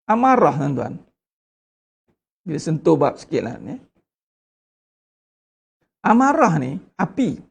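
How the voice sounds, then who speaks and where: A man with a Malaysian Malay accent giving an Islamic study lecture, putting rhetorical questions to the congregation with lively emphasis. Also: on the high side, slow, gravelly, pauses often, slightly rough. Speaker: religious teacher.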